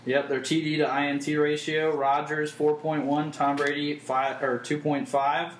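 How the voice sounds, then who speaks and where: A man co-hosting a casual podcast, listing sports numbers in a flat, deadpan way. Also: a little high, normal speed. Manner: reads stats in a deadpan list. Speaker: podcast co-host. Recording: echoey room with faint background noise.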